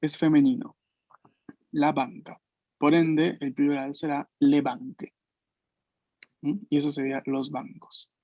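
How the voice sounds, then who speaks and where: A man with a slightly raised voice teaches a class over a video call, explaining each point slowly and checking in with his listeners as he goes. The sound is dry and a little dull, with no room echo at all. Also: on the high side, level tone, a little mellow. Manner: patient, explanatory, frequent "¿no?" tags. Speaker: language teacher.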